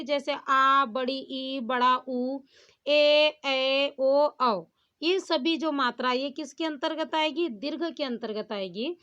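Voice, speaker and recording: High-voiced woman teaching a grammar lesson. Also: bright, forceful tone. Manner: asks rhetorical questions and answers them herself. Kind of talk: classroom lesson explaining poetic meter. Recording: dull lo-fi sound.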